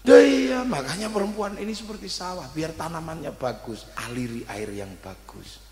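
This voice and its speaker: A man's voice: fairly high pitch, moderate pace. A man giving a humorous sermon to an audience, telling comic stories. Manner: animated comic storytelling with audience laughter. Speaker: preacher. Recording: echoey hall with long reverb.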